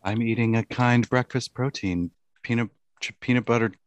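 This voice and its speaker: A man's voice: mid-range voice, fairly even intonation, normal speed, slight background noise. A man co-hosting a podcast in casual chat, explaining things in a rambling way full of fillers. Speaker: podcast co-host.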